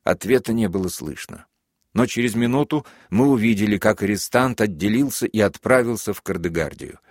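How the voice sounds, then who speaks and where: A man narrating a classic novel as an audiobook in a measured, even reading. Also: on the low side, dry recording, studio quality. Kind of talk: scripted literary narration.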